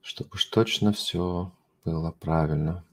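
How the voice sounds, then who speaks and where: A middle-aged man who is not a native Russian speaker, hosting an informal livestream and addressing viewers in an earnest, apologetic, halting way, often searching for words. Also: low-pitched, fairly even intonation. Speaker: host of an online religious ministry broadcast.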